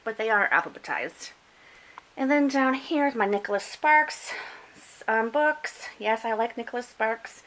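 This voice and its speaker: A middle-aged woman from upstate New York, a booktuber, chats casually while filming a tour of her home library on a handheld camera. Her voice is slightly high, animated, unhurried, and fairly bright, full of fillers and self-corrections, and the recording quality is low.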